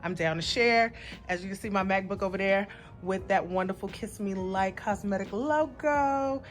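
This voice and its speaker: A woman's voice: mid-range voice, moderate pace, faint music behind. Chatty upbeat woman vlogging. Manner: chatty and upbeat, adds "okay?" and "honey". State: out of breath. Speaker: small business owner and vlogger. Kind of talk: casual vlog tour.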